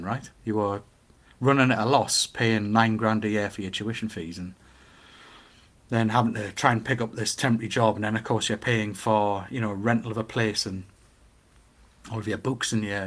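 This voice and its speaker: A middle-aged man with a Newcastle Geordie accent, chatting casually and giving his opinions in an animated way, with rhetorical questions. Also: on the low side, a little fast. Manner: animated storytelling with acted-out quotes and rhetorical questions.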